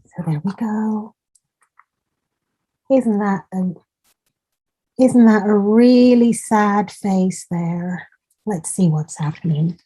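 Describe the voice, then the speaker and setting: In a rough recording, a woman with a mellow, slightly husky, medium-pitched voice reads a children's tale. She takes it at a very slow, careful pace and addresses the kids listening in an expressive way.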